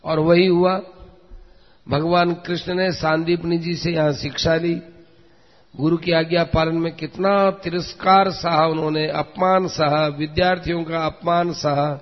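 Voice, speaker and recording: A man giving an earnest devotional sermon, telling a story in a steady way. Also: fairly high pitch. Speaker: religious preacher. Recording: dull lo-fi recording in a long-reverb hall.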